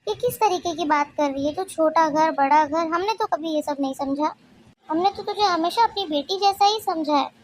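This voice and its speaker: A fussing, well-meaning mother-in-law from an animated family story. Her voice sits high and she pleads and scolds in a plaintive tone. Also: moderate pace. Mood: pleading. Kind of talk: cartoon story voice acting.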